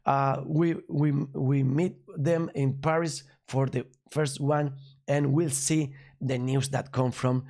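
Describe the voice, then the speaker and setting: A man from Spain with a Spanish accent, a native Spanish speaker hosting a news commentary show in an upbeat, emphatic, slightly halting way. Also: medium pitch, flat delivery, a little mellow. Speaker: crypto news channel host.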